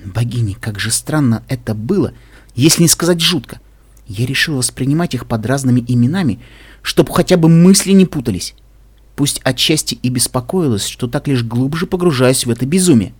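A man's voice: mid-range voice, moderate pace, husky. A man reading a first-person story aloud expressively, voicing each character himself. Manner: expressive, voices every character. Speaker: audiobook reader.

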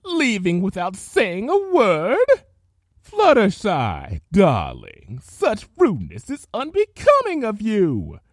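A woman's voice: medium pitch, wildly swooping pitch, slow pace, no echo, studio quality, pitched above the performer's own voice, heavily acted. A woman voicing a cruel, vain female unicorn pony with an affected posh drawl. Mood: cold, haughty.

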